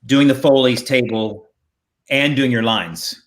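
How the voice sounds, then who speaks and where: Over a video call with faint noise, an interview host with a mid-range voice takes his time, posing questions in a loose, rambling, casual way.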